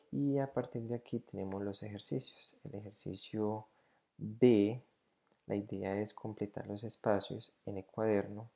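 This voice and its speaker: A man explains grammar like a schoolteacher, patiently walking through each example. His voice is low and gravelly, with a dark, mellow tone. He speaks slowly and evenly, with little rise and fall. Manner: slow, patient, step by step, repeating each example in two languages. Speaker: English teacher. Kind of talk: recorded grammar lesson explaining on screen.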